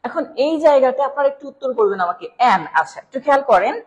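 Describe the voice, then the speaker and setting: A woman with a Bangladeshi Bengali accent gives a live online grammar lesson in a fairly high voice. She explains patiently, step by step, checking in with her listeners as she goes. A long reverb trails each phrase. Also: animated, rapid-fire, muffled recording. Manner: explanatory, checks in with "right?", addresses viewers as "sir". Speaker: English grammar teacher.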